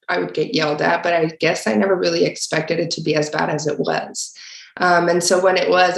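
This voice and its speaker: A young woman from Mexico, a referee answering interview questions in an earnest, casual way with frequent fillers. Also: on the low side. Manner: earnest, many fillers, speaks up on key points. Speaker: guest, basketball referee. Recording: roomy echo.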